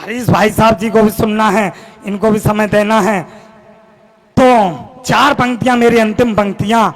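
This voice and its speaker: A man declaims his verse with fierce passion, his voice pitched very high. He hammers home key lines by repeating and shouting them, like a poet on a village stage. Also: steady tone, measured pace, rough recording. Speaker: poet reciting at a poetry gathering. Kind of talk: impassioned poetry recitation.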